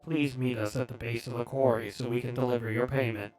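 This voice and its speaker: A game master voicing a secretive bounty contact whose distorted, fuzzy voice comes over a phone, cold and clipped. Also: male voice, medium pitch, little pitch movement, fairly quick, darkish tone, soft background music. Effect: heavily distorted voice over a phone.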